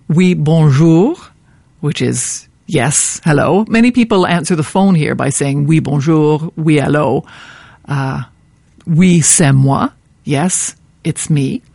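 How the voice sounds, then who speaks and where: A woman who wrote the books, giving an informal, hesitant pronunciation guide. She says each French word slowly and carefully before explaining it. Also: low voice, a little mellow, dry recording. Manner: hesitant, with frequent fillers and restarts.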